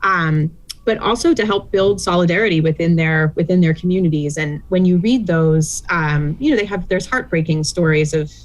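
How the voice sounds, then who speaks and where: A middle-aged woman professor answering interview questions in a measured, thoughtful way with frequent fillers. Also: fairly low pitch, rough recording. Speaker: guest expert, professor.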